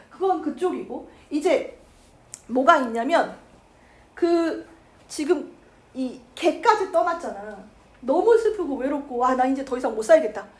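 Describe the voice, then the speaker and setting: A woman teacher giving a chatty literature lecture, acting out the characters' lines in quick asides. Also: sits high. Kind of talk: lively lecture retelling a classic novel.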